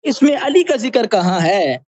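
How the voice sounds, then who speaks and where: A man's voice: sits high, sing-song, a little mellow, dry recording. A male caller in a religious debate, insistently asking to be heard and to have a verse translated again. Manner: insistent, keeps pleading to be heard and asking for a retranslation. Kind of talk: heated religious debate on a call-in show.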